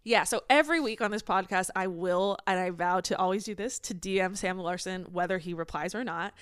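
A woman's voice: fairly low pitch, a little fast, clear, resonant tone, no room sound, studio quality. A young woman co-hosting a podcast in casual chat, giggly and laughing often. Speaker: podcast co-host.

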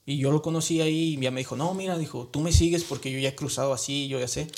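A man's voice: on the high side, quick pace, darkish tone. A man with a Mexican accent, a guest earnestly recounting a personal story in colloquial, emotional speech. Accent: Mexican Spanish. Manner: earnest, colloquial, with frequent tag questions and restarts.

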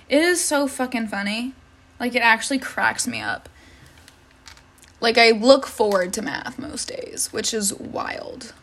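A woman's voice: on the high side, unhurried, pauses often, fairly bright tone. A teenage girl venting about school in a casual vlog, exasperated, swearing and saying "like" constantly. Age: teens. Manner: exasperated, swears a lot, many likes. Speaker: high school student.

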